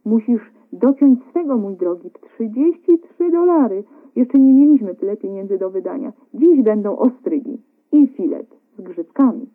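A woman's voice: medium pitch, normal speed, close to an everyday voice. A woman voicing a cheerful young male painter, easygoing and a little boastful, on a narrow phone-like radio recording.

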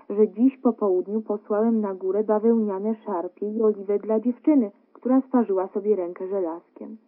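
A woman voicing a cheerful, tender young male painter in a radio story reading, talking in a lively, eager way. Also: medium pitch, natural voice. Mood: gentle. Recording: narrow phone-like radio broadcast.

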